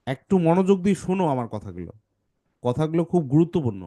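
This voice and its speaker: A man's voice: on the high side, sing-song, quick pace, warm tone. A man teaching English phonics to a children's class, patiently correcting pronunciation sound by sound.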